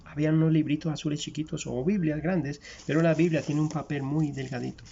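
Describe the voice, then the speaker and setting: A man preaching in a raised, gravelly voice, folksy and plain-spoken. He keeps asking his listeners questions and stacks up long repeated lists. The recording is dull and lo-fi, with a faint hiss underneath. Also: on the high side, fairly even intonation, fairly quick, dark tone. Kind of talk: conversational sermon.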